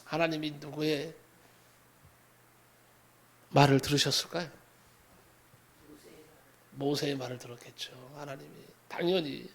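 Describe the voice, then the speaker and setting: Male pastor, high-pitched, dramatic sermon delivery with sharp swings in volume. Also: steady tone, measured pace, long pauses. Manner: dramatic preaching, swings from loud exhortation to hushed asides.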